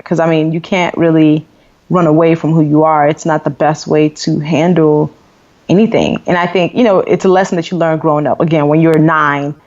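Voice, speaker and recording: A Nigerian-born author and blogger in her thirties appears as an interview guest, talking candidly and comfortably at a moderate pace with frequent fillers. Her voice is fairly low. The recording comes across as dull and lo-fi.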